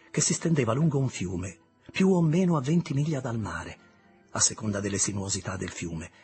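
A man narrating an audiobook in a measured, deliberate reading style, with a husky voice. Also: mid-range voice, a little mellow. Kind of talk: scripted literary narration.

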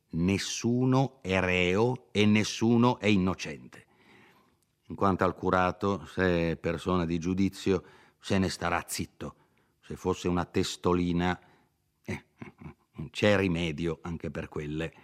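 A pompous, scheming old country lawyer, as a man reads him aloud speaks in a smooth, condescending, knowing tone. The voice sits a little low. It belongs to a storybook reading of a classic novel.

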